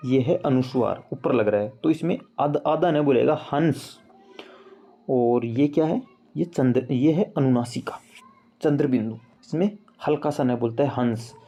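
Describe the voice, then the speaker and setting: A man teaching Hindi grammar in a casual online lesson, explaining slowly and repeating examples as he addresses viewers as friends. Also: medium pitch, dark tone. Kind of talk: casual screen-share lesson.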